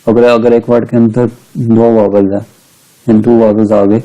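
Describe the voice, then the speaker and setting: Middle-aged male teacher, low and very dark voice, patient step-by-step explainer. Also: flat delivery, low-quality recording. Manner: patient, explains step by step and models each sound slowly. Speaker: language teacher. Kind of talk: recorded slide lecture.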